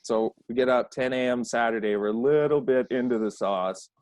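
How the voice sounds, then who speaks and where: A man's voice: mid-range voice, normal speed, darkish tone, a little hiss or hum. A man from Alberta, Canada, a guest hockey player, telling rambling stories in casual podcast chat and swearing constantly.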